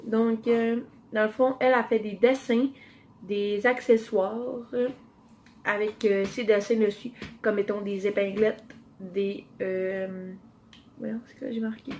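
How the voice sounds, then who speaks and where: A woman's voice: medium pitch, steady tone, takes it slowly, a little mellow, a little hiss or hum. A woman with a Quebec French accent chatting through a casual giveaway unboxing in her home office, rambling and upbeat. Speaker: YouTuber. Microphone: camera mic.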